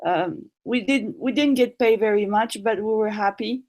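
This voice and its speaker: A woman's voice: mid-range voice, moderate pace, darkish tone, low-quality recording. Hesitant woman who grew up in Morocco. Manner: hesitant, many ums and restarts. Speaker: guest. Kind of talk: casual chat.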